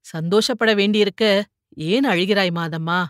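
A woman voicing an ailing older husband who speaks gently and steadily to console his wife. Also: mid-range voice, normal speed, no room sound, studio quality, lightly acted. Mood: calm consoling.

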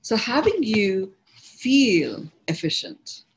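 A woman with an Indian accent hosting a podcast, talking through ideas in an unhurried, reflective way and often restarting words as she finds her phrasing. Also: mid-range voice, big pitch swings, slight background noise, low-quality recording. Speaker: podcast host and speaker on personal growth. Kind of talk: reflective spoken teaching.

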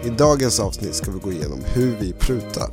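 A man co-hosting a casual podcast chat, relaxed and self-deprecating, laughing easily. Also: on the low side, music in the background. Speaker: podcast co-host.

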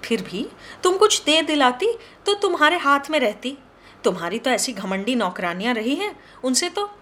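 Teasing college girl, high and giggly, as a woman storyteller puts her on. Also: very animated, normal speed, a bit bright. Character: teasing college-age daughter.

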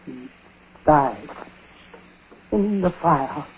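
An actor playing a dying, superstitious old uncle in a 1940s radio drama, speaking haltingly in short, weighty phrases. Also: male voice, a little high, animated, exaggerated voice. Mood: weary confession. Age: older. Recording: muffled, noisy 1940s radio recording.

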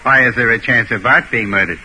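An actor playing a skeptical, slangy American police inspector, blustery and wisecracking in an old radio mystery. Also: male voice, medium pitch, brisk, pushed and bright. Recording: faintly noisy old radio recording.

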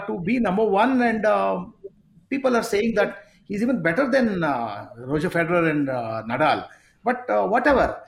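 A man with a high-pitched voice hosts a conversational interview. He speaks haltingly and fills his pauses often. The recording sounds echoey, as if made in a bare room. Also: gravelly. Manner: halting, many filler pauses. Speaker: sports psychology coach hosting.

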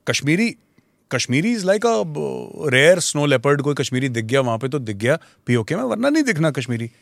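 A man's voice: on the high side, very animated, racing, gravelly, no echo, studio quality. A man with an Indian accent explaining as a panel guest, emphatic, repeating his points and slipping between English and Hindi. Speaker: guest commentator.

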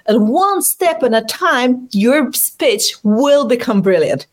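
A woman originally from Russia talks as a guest coach in a relaxed interview, her voice sitting a little high. She is animated, laughs as she speaks, and now and then restarts a word mid-thought. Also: slow. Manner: animated, restarts words, laughs while talking. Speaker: communication coach, podcast guest. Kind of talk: casual interview conversation.

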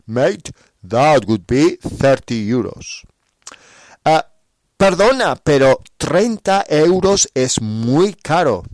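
A man reading a travel diary aloud in clear, simple Spanish for learners. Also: mid-range voice, darkish tone, dry recording. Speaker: narrator of a learners' story. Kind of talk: scripted narration for learners.

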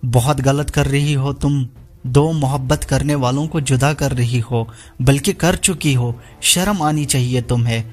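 A man voicing a bitter, desperate young man who speaks harshly and shouts. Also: medium pitch, measured pace, close to an everyday voice. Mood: bitter angry.

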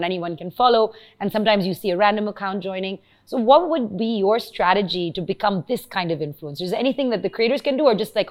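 A woman with an Indian accent hosting an interview, affirming her guest and thinking aloud through long, conversational questions. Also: medium pitch. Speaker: interview host.

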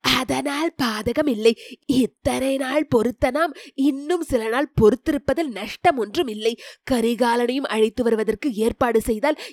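A woman voicing an aging, troubled male emperor in an audiobook of a historical novel, speaking softly and in a measured way. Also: no echo, studio quality. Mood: resolute. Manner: soft and measured, spoken low.

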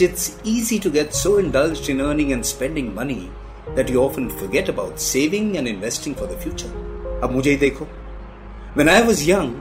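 A man's voice: mid-range voice, close to an everyday voice. A middle-aged man with a North Indian accent playing a principled, worried father in a scripted drama, questioning and chiding. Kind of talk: scripted audio drama dialogue in Hinglish.

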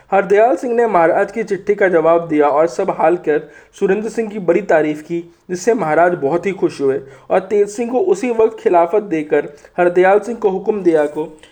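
A man's voice: high voice, a little mellow. A man narrating a story from a script as an audiobook reader.

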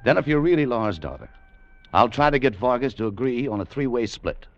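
Playing a gold-hunting adventurer in an old radio drama, this American actor narrates in the first person, clipped, tough and colloquial, sounding wary yet coaxing. His mid-range male voice, close to everyday speech, moves a little fast with lively intonation. Music runs beneath the muffled vintage recording from the 1940s-50s.

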